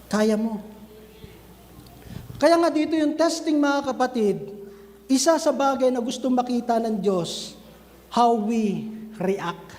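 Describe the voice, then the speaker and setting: A man preaching a sermon to a church group, talking to the brethren and acting out scenes in an animated way. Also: very high voice, slow, pauses often, big-room sound. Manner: switches between Filipino and English, addresses listeners as brethren; animated, acts out scenes with raised voice. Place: church cell group gathering.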